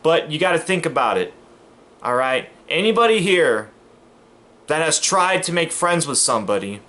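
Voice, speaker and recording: A man's voice: a little high, very animated, normal speed, bright, forceful tone. A man from the United States talking casually to camera as a vlogger, rambling and emphatic, with many fillers and restarts. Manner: earnest, emphatic.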